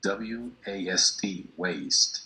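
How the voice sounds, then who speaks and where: Slow, patient male English teacher. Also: low-pitched, animated, pushed and bright, rough recording. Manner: slow, patient, repeats words for drilling. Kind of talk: classroom language lesson.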